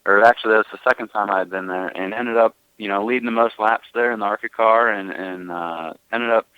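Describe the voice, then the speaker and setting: A man, a race driver guest on a radio show, answering modestly and relaxed with many "you know" fillers. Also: on the low side, brisk, clean tone, no echo, narrow, tinny audio. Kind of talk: radio interview.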